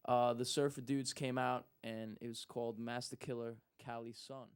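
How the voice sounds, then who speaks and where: A man's voice: medium pitch, normal speed, very noisy. A young man telling a story in casual talk, acting out what people said. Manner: animated, acts out quotes. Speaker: guest.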